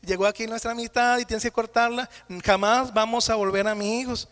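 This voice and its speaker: A man's voice: very high-pitched, steady tone, a little fast, a bit bright, long reverb tail. A man voicing an angry, hurt little female ant who scolds and complains, told as a story in a sermon. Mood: indignant. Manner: scolding, indignant.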